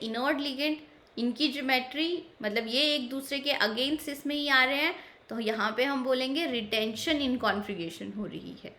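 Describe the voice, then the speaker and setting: Woman chemistry teacher, bright clear tone, slightly high voice, patient explainer, mix. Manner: patient, repeats key points, asks and answers own questions. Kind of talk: explanatory online lecture.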